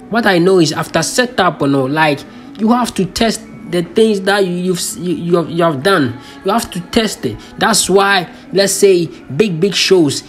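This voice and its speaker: A man with a Ghanaian accent hosting a channel, giving a chatty commentary voice-over that mixes Pidgin into English. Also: high-pitched. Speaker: channel host.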